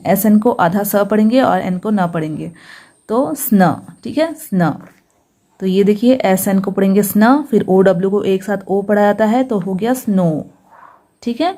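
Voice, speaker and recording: A woman teaching English reading in a patient phonics lesson, slowly sounding out each syllable and checking in often. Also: medium pitch, warm tone.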